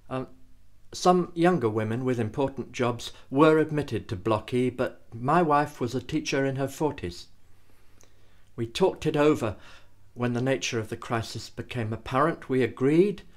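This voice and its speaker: A man giving a grave, measured poetry reading. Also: mid-range voice. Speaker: poet.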